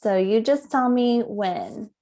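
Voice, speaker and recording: A woman's voice: on the high side, slow, dark tone. Upbeat woman podcast co-host. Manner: upbeat, reads promo and quotes smoothly. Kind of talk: podcast chat and read announcement.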